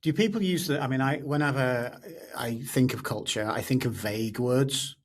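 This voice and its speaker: A mid-pitched man, hosting a podcast interview. He talks conversationally and agreeably, with a few ums as he goes. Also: normal speed. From northwest of England. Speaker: podcast host.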